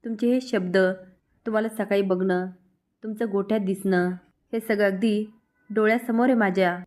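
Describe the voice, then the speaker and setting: Tender young woman in love, read by a woman narrator, mid pitch. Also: fairly even intonation, moderate pace, darkish tone, close to an everyday voice.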